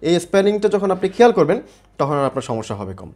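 A man's voice: a little high, very animated, racing, darkish tone. A man teaching an online spelling lesson, explaining step by step, spelling words out letter by letter and often checking in with the viewers. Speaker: English teacher.

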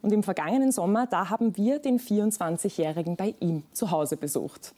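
A young woman, hosting a sports talk show in a TV studio, leading with brisk, scripted questions. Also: medium pitch, background noise. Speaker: host. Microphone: lapel mic.

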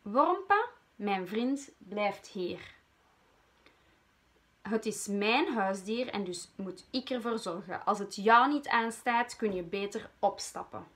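A woman's voice: mid-range voice, lively intonation, slow pace, fairly bright tone. A Flemish woman voicing a stubborn, protective young witch in a storybook she reads aloud. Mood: firm. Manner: firm, scolding.

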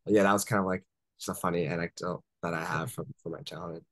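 His voice sits low with fairly even intonation and a slightly bright tone, and he talks fast; the recording has no echo. He's a startup founder in his twenties, born in Japan and raised near Washington DC, casually telling interview stories on a video call from a room at home, chatty and laughing easily with frequent "uh" and "like" fillers.

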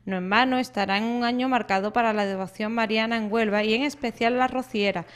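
A woman's voice: on the high side, fairly even intonation, fast. A woman with an accent from Spain narrating a scripted news report as a reporter.

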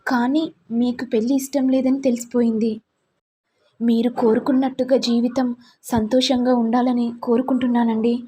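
A woman's voice: a little high, little pitch movement, normal speed, dark tone, breathy edge. A woman voicing a meek sorrowful young wife. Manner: pleading, apologetic.

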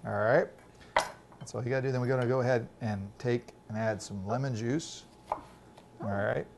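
This cooking demonstration features a middle-aged chef calmly instructing children on a recipe in his home kitchen. He talks at normal speed with a steady, medium-pitched voice and vocal fry, over some background noise.

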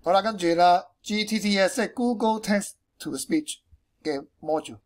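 A man with a Hong Kong accent and a high-pitched voice explains things step by step in an informal tutorial style. He peppers his speech with English technical terms. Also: moderate pace. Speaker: programming tutorial presenter.

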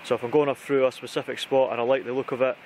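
Racing along in a mid-range, slightly mellow voice with flat delivery, a British outdoor vlogger in his thirties chats informally through his gear on camera. The setting is conifer woodland, with clear background noise in the recording.

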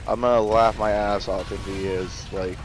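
A man giving casual gameplay commentary, excitable and jokey, with frequent exclamations and swearing. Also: fairly low pitch, moderate pace, soft background music, poor audio. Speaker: gamer narrating a let's play.

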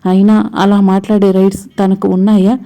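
A woman's voice: medium pitch, little pitch movement, a little fast, dark tone, close to an everyday voice. A woman voicing an angry middle-aged father who scolds his daughter. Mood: scolding.

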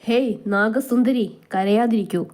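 A woman voicing a cruel male gang boss who gives orders and gloats in a slow, commanding tone. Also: on the high side, a little mellow, natural voice. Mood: gloating.

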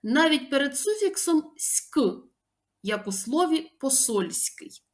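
A woman teacher with an Odesa accent, giving a scripted grammar lesson and stressing each example word slowly and deliberately. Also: high voice, sing-song.

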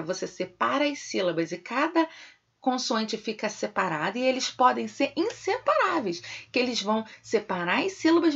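Slow, gravelly Brazilian teacher woman. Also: on the high side. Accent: Brazilian Portuguese. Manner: addresses pupils warmly as "tia" with diminutives. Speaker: primary school teacher. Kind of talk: remote lesson for young children. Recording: dull lo-fi home video sound.

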